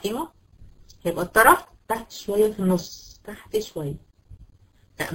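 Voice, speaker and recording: A woman's voice: medium pitch, rough recording. A woman with an Egyptian accent teaching Quran recitation to female students, explaining patiently and demonstrating sounds over and over. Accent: Egyptian Arabic. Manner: patient, explanatory, asks her own questions and answers them; repeats short demonstration syllables. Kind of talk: tajweed lesson to female students.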